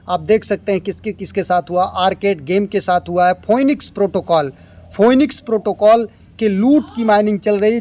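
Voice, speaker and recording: A man's voice: high voice, darkish tone. A man hosting a crypto earning tutorial, walking viewers step by step through an app and mixing English terms into his Hindi. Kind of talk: screen-recorded app walkthrough.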